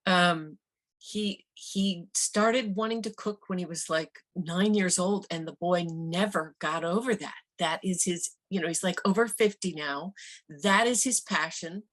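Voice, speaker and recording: A woman's voice: lowish voice, measured pace. An older woman sharing memories on a video call, talking in a rambling way with many restarts. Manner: rambling, warm reminiscing with restarts. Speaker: former office worker sharing memories. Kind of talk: casual video call conversation.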